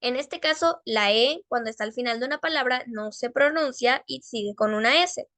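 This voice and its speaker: High-pitched woman teacher, patient, dry close sound, stretches words out slow. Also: sharp tone, no echo. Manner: patient, spells out and slowly repeats English words. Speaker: English teacher. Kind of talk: online class instruction.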